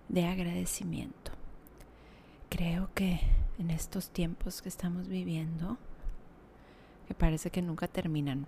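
A woman guiding a meditation in a soft, half-whispered, slow and soothing way. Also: on the low side, vocal fry, a little hiss or hum. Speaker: meditation guide. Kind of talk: guided meditation. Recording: music playing behind.

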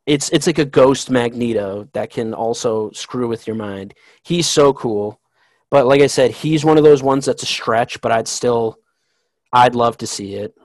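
Excitable man rambling about comics, dry sound. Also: medium pitch, unhurried, no echo, rough recording. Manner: rambling, excitable fan talk with many restarts. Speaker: podcast co-host. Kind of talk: casual chat.

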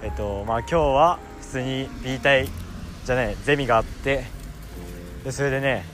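A man's voice: medium pitch, moderate pace, a bit bright, faint music behind. A teenage young man with a Kansai accent chatting casually as a co-host, meandering and teasing. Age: teens. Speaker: radio show co-host. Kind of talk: casual chat and banter.

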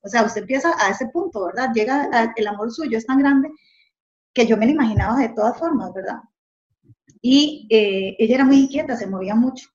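A woman's voice: fairly high pitch, a little fast, a little mellow. Earnest woman, dull audio. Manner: earnest, tag question after phrases. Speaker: guest telling her story. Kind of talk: personal testimony. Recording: dull lo-fi sound.

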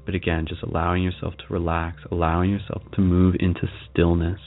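A man leading a guided meditation in a soft, calming, unhurried manner with long pauses. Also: low voice, phone-quality sound. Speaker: meditation guide, show host. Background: music.

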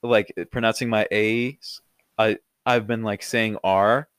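Low-voiced man chiming in casually. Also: steady tone, fairly bright tone, smooth, dry recording. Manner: agreeable, quick to chime in with "yeah". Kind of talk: casual chat.

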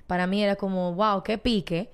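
A woman's voice: medium pitch, steady tone, moderate pace, smooth. A woman in her twenties with a Dominican accent, a podcast guest explaining things in a chatty, casual way. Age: 20s. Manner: chatty and explanatory, laughs often. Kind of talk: casual chat.

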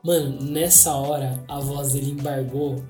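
A young man with a Brazilian Portuguese accent hosting a podcast, telling a story in casual slang with dramatic pauses. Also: mid-range voice, steady tone, warm tone. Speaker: podcast host. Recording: echoey room with faint music.

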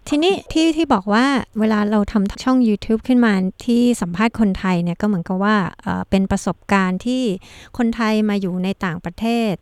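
A woman's voice: medium pitch, brisk, few pauses, clear, resonant tone, no echo. Polite woman interviewer, close dry sound. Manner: polite, long questions with soft particles. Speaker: interviewer, host. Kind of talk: conversational broadcast interview.

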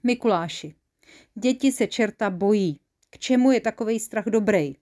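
A woman's voice: medium pitch, lively intonation, a little mellow, dry recording, clean studio sound, lightly acted. A woman doing a prim, scolding angel. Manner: scolding, indignant. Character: stern winged female angel, prim and scolding.

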